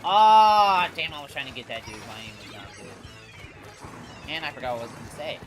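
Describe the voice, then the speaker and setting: A congested livestream host with a mid-range, sing-song voice chats briskly and casually about games. The talk is slangy and sweary, with phrases often repeated and restarted, and music plays behind the voice.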